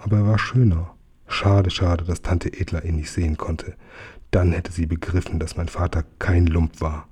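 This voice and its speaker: A man narrating a children's audiobook in a calm, measured way. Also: sits low, husky. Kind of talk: audiobook reading.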